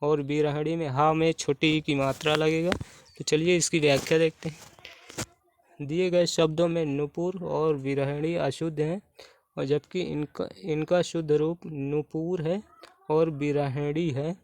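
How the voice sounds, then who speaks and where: A man's voice: on the high side, fairly even intonation, measured pace, a little mellow, no echo. A man teaching Hindi spelling for exam preparation, going through questions methodically and repeating each answer. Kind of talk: explaining spelling questions step by step.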